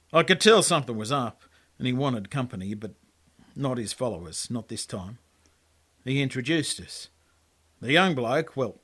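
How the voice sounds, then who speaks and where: A medium-pitched, sharp-toned male voice belongs to an Australian reading his own story, narrated in the first person as a colloquial, laconic yarn.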